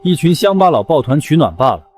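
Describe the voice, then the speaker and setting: An actor playing an arrogant spoiled young heir from a rich family who sneers at villagers. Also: male voice, a little high, big pitch swings, fast talker, a little mellow, faint music behind. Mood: dismissive. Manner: sneering, then panicked. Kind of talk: short drama acting.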